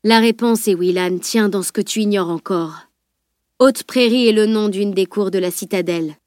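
A woman voicing a seasoned male weapons master who explains things calmly and firmly, in an audiobook. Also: medium pitch, moderate pace, dry recording, studio quality, natural voice. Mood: grave. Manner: calm, explanatory, firm. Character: grave grown man, seasoned weapons master.

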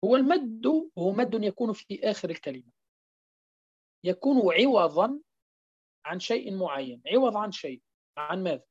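With a breathy edge to her mid-range voice, a woman teaches tajweed at a moderate pace, her intonation lively and her pauses frequent. She keeps checking her students' understanding through rhetorical prompts, answering her own questions and going over the key terms again. The audio is dry, dull and lo-fi.

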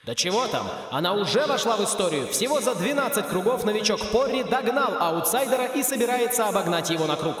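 A man's voice: high-pitched, sing-song, fairly bright tone, very echoey, big-room sound, pitched above the performer's own voice. A man doing a gushing race commentator. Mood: excited. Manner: rapid gushing play-by-play. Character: excited male sports race commentator.

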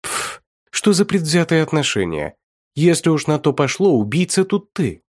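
A man's voice: mid-range voice, sing-song, moderate pace, darkish tone, no echo, studio quality. A man voicing a cruel, mocking male villain who taunts his captive in an audiobook. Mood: taunting. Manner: taunting, sneering, laughs at his victim. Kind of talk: audiobook reading.

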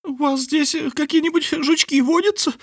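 A man voicing a small, frantic male bat who chatters in a squeaky, breathless, excitable way. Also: moderate pace, dry recording, clean studio sound. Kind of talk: audiobook character voice.

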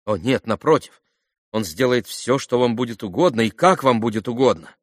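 A man voicing a gentle, quiet, earnest young man in an audiobook, speaking softly and calmly. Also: mid-range voice, moderate pace, dry recording, clean studio sound, lightly acted. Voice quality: soft, calm.

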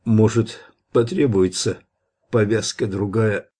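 A man voicing a wounded, exhausted young man in an audiobook, speaking hoarse and strained. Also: lowish voice, slow, mellow. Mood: weary.

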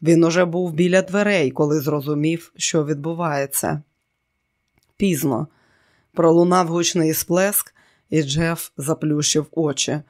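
An audiobook narrator reading a thriller in a steady, even storytelling manner. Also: medium pitch, measured pace.

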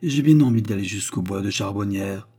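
A man's voice: lowish voice, fairly quick, warm tone, slightly rough. A man doing an earnest young man. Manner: polite, defensive, eager. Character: earnest young man, bashful but stubborn.

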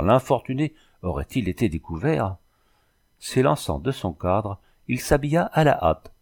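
A man narrating a novel as an audiobook in a steady storytelling way. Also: on the low side, gravelly.

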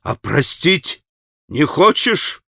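A man's voice: on the high side, sing-song, takes it slowly, pushed and bright, no room sound, voice pushed up, full character voice. Man doing an impulsive anguished young man, raised pleading voice, dry sound, audiobook.

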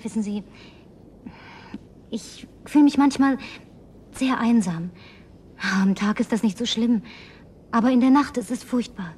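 A woman's voice: on the high side, a little slow, pauses often, a little mellow, breathy edge. An actress playing a lonely, house-proud young woman in a German radio drama, coaxing and effusive with sighs. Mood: wistful, coaxing.

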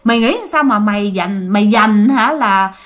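A woman voicing the jealous, possessive ghost of a young woman, squeaky and taunting. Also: normal speed, a bit bright, natural voice. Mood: scornful.

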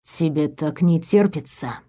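Give me a woman playing a furious young stepbrother, low and sneering. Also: normal speed, a little mellow, lightly acted. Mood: mocking. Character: angry young male stepbrother, menacing.

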